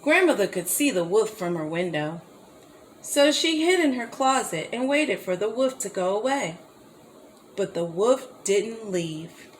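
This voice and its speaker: Slow, expressive woman reading a children's story. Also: mid-range voice, slight background noise, rough recording. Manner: slow, expressive, gently animated.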